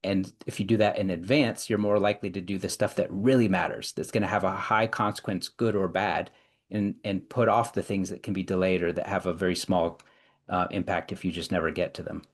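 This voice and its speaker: A man with a notably deep voice speaks as an interview guest. He lays out his points in long, careful chains of reasoning, often circling back to restart a phrase. The delivery is measured and explanatory. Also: fairly even intonation. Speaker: clinical psychologist and executive coach, guest.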